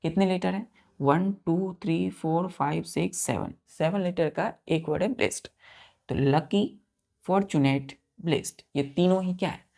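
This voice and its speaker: Male vocab teacher, gravelly tone, spells and counts aloud, repeats words slowly. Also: a little high, a little mellow. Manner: spells words letter by letter and counts aloud, often addressing the students; repeats key words slowly with drawn-out pronunciation. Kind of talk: vocabulary lesson.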